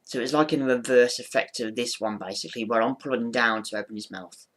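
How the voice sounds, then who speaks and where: A man's voice: medium pitch, fairly quick, fairly bright tone. A man giving an informal hands-on explanation in a rambling, matter-of-fact way, often repeating himself. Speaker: ventriloquist presenting his figure.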